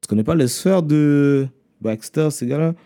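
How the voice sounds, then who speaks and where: A man's voice: on the high side, moderate pace, warm tone. A man in casual chat, slangy and repetitive, mixing in English words. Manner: slangy, mixes English into French, repeats himself. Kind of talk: casual chat about rap.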